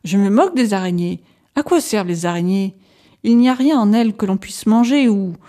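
A woman's voice: mid-range voice, animated, fairly quick, warm tone, natural voice. A woman reading aloud, voicing a volatile male asylum inmate who swings between scorn and pleading. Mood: dismissive. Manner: erratic, flaring into outbursts then pleading. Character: agitated middle-aged male asylum patient.

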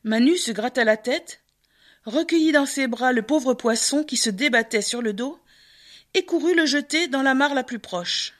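Woman, storyteller, high voice, fairy tale narration, measured and expressive.

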